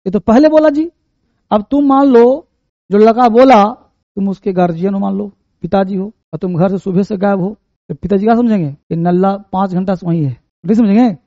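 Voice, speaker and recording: Animated high-voiced male teacher. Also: creaky, no room sound. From India. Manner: animated, acts out everyday scenes to explain. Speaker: English grammar teacher. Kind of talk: classroom lecture. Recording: muffled, slightly lo-fi sound.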